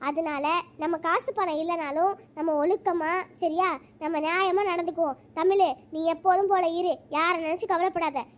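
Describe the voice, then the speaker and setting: A performer voicing a calm middle-aged village mother in a cartoon, soothing and giving advice in a softer, lower tone. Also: moderate pace. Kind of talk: cartoon voice acting.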